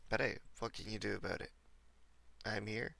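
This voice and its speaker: A young man with a lowish, gravelly voice and a bright edge, getting over a cold. He rambles casually to his viewers while streaming a game, talking into a desk mic. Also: steady tone, normal speed. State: recovering from a cold. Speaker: livestreamer. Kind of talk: casual gameplay commentary.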